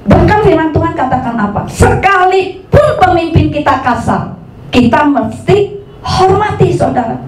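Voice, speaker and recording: A woman pastor preaches in a high, animated voice, slipping into street slang and acting out the voices she quotes. The sound is roomy and echoing, with the mic some way off and a faint hum of the hall behind her. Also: a little slow, far from the mic. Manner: lively, mixes Jakarta slang with preaching, acts out quoted voices. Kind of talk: sermon. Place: church hall.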